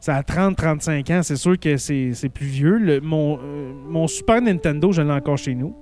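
A man with a Québécois French accent chats casually as host, his voice sitting a little high. He talks in loose, rambling sentences full of restarts and fillers. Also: moderate pace, darkish tone, faint music behind. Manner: rambling, many false starts and fillers. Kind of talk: casual chat.

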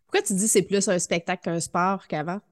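A woman with a Québécois French accent hosting a podcast interview, speaking reflectively and pausing often on fillers. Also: fairly low pitch, fairly even intonation. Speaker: podcast host.

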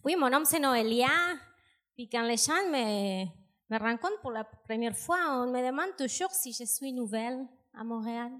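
A woman from South America with a strong South American Spanish accent, doing a deadpan, self-mocking stand-up set. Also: on the high side, normal speed. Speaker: stand-up comedian.

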